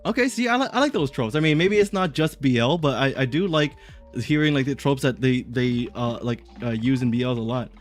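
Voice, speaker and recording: A man's voice: medium pitch, animated, fairly quick, faint music behind. Chatty male livestream host. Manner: rambling, chatty, reads chat aloud. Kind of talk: casual stream chat.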